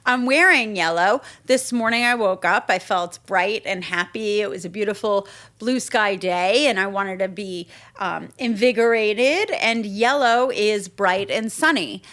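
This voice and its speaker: A woman's voice: mid-range voice, measured pace, hardly any pauses, fairly bright tone. A woman co-hosting a podcast and shop, explaining things in an upbeat, casual way. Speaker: podcast co-host and shop owner.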